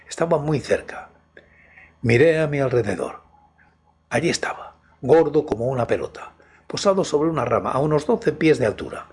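A man's voice: mid-range voice, a little mellow, husky. A man with a Spain Spanish accent narrating in the first person as a storytelling host.

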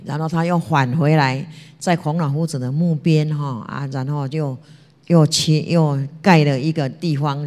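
A man lecturing as a teacher, retelling an old story in a halting way, with many restarts and a "ha" tag at the end of his phrases. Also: on the high side, a little mellow. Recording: long hall reverb.

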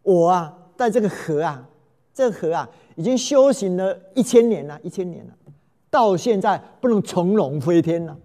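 A man voicing a kind old river turtle in a folk tale, coaxing and gentle. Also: high-pitched, lively intonation, moderate pace, long reverb tail. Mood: kindly.

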